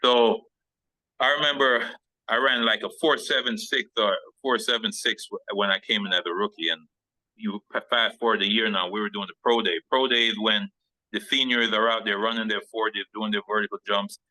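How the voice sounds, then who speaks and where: A man's voice: fairly low pitch, steady tone, normal speed, pushed and bright, no room sound, low-quality recording. A man who is a former football player, telling a rambling story as a guest on a video call, with many restarts and small laughs.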